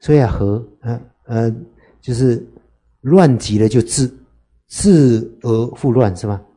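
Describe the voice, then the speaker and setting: A man, a Buddhist monk, giving an unhurried dharma talk to lay listeners, often asking rhetorical questions. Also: mid-range voice, mellow.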